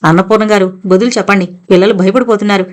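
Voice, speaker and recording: A woman's voice: mid-range voice, steady tone, racing, lightly acted. A woman voicing a composed, educated young woman who soothes and urges a neighbor to be brave. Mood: soothing. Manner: soothing yet firm.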